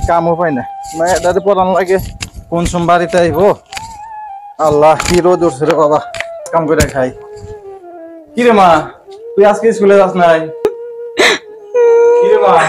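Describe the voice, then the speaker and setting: A man's voice: high voice, normal speed, long pauses, music in the background, lightly acted. A man playing a poor widowed laborer father who laments his hardship aloud. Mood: weary. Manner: lamenting, pleading to God. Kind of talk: amateur village drama acting.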